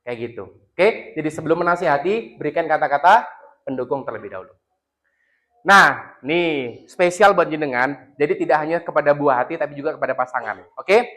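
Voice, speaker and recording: A man with a Javanese accent giving a lively parenting talk to parents at a school, joking with them and acting out parents and children. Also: fairly high pitch, brisk. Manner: jokes with the audience and acts out parents and children. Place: school hall with a parent audience.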